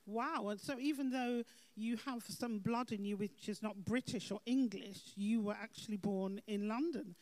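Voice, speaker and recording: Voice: mid-range voice, normal speed, few pauses, a little mellow, slight background noise. An interviewer at a church event, asking questions with a curious, encouraging manner.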